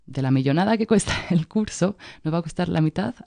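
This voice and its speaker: Gravelly, animated woman. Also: fairly low pitch, a little fast, no echo. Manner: animated, acts out quoted dialogue. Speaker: yoga teacher, co-host. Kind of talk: casual conversational storytelling.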